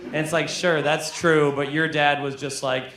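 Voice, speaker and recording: A man's voice: fairly high pitch, little pitch movement, normal speed, a bit bright. A young man doing a stand-up comedy set in a club, giggling through his jokes and sounding loose and a bit tipsy. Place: comedy club stage with a laughing crowd. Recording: roomy club sound with crowd ambience.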